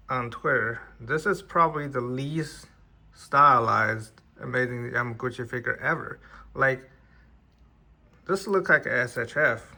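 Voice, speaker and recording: A toy reviewer who isn't an English speaker talks casually about an action figure, using plain conversational speech and restarting his sentences. His voice is mid-range, pushed and bright.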